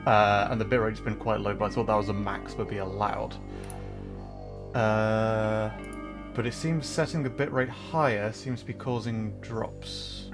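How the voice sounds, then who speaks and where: This VTuber streamer, whose voice is on the low side, talks in an unhurried, fairly even way during a casual livestream of a game. Rambling and self-deprecating, he apologizes over his technical setup while music plays in the background.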